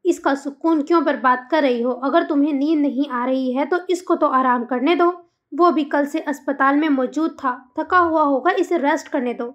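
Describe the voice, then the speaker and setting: A woman voicing an older mother figure who calms and gently admonishes. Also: high-pitched, moderate pace, dull audio, lightly acted. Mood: soothing. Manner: calming, admonishing.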